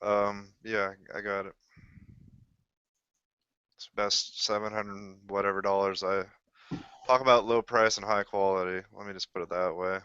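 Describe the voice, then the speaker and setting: A man chatting casually on a panel voice call, talking in halting bursts with restarts. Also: on the low side, little pitch movement, bright, forceful tone, clear, resonant tone, dry recording, highs cut off. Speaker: podcast panelist. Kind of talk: casual chat.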